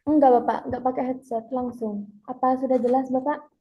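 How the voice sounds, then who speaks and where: A woman's voice: sits high, steady tone, brisk, breathy edge, narrow, tinny audio. A young woman student in an online thesis exam, speaking politely and deferentially over a video call. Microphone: laptop on a video call.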